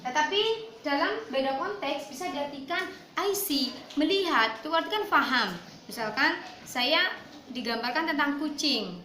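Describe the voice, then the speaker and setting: A woman teacher with an Indonesian accent giving an online lesson, saying English phrases slowly for students to repeat. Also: high voice, lively intonation, pushed and bright, echoey room, a little hiss or hum.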